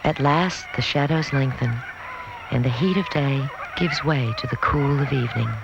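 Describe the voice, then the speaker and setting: A man giving calm, measured, poetic scripted narration for a nature documentary, heard from a worn VHS tape copy. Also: medium pitch, vocal fry. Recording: dull hissy worn videotape dub.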